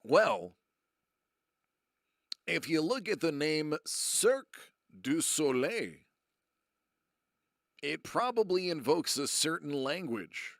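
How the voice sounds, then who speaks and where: A man's voice: a little high, sing-song, vocal fry, fairly bright tone, dry recording, studio quality. A man hosting a live-streamed trivia game show, reading questions and chatting with viewers in the chat, stretching out his dramatic answer reveals. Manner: playful, drawn-out dramatic reveals.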